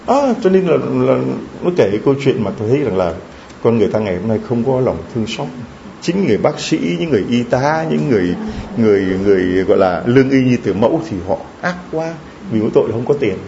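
Man preaching, gravelly voice, pitch swinging all over, stumbles and repeats himself, dull lo-fi sound. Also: sing-song, fast talker, mellow, slight background noise. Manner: emotional retelling with stammered repeats. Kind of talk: moral storytelling in a sermon. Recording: dull lo-fi recording.

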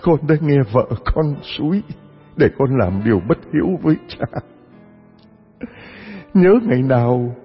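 A man's voice: medium pitch, slightly rough, long reverb tail, highs cut off, pitched above the performer's own voice. A man voicing a grown son who tearfully begs his blind father's forgiveness in a told folk tale. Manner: tearful pleading. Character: remorseful grown son, a magistrate.

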